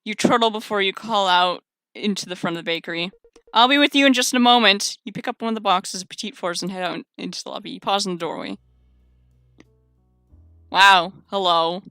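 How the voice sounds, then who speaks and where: A young woman streamer reading a game aloud with excitable commentary and loud outbursts. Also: mid-range voice, quick pace, clear, resonant tone, no echo, studio quality, faint music behind.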